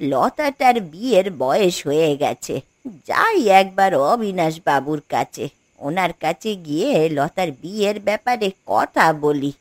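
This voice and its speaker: A woman's voice: lowish voice, no echo, pitched below the performer's own voice. Woman doing a grumpy old granny, cartoon, scolds and sighs, voice swoops around. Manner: grumbling, sighing complaints. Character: weary scolding old grandmother, worried, gloomy. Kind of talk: animated cartoon voice acting. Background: faint music.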